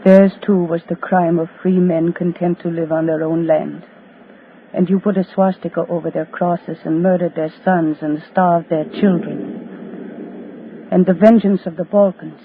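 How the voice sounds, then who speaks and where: Solemn, low-voiced avenging condemned woman. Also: steady tone, phone-quality sound. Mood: solemn, menacing. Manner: solemn, incantatory, taunting, dramatic pauses. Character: defiant condemned woman, unkillable avenging accuser of Nazis. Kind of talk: 1940s radio drama monologue. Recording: thin, scratchy 1940s radio broadcast.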